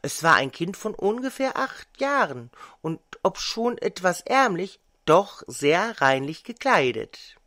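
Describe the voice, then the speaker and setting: An older woman narrating a fairy tale audiobook in a measured, expressive way. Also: on the low side, no echo, clean studio sound. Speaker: storyteller.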